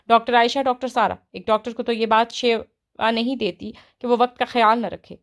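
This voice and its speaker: A strict senior woman doctor with a fairly high voice, read by a woman narrator. She speaks in a stern, scolding tone, like a teacher lecturing students. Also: steady tone, close to an everyday voice.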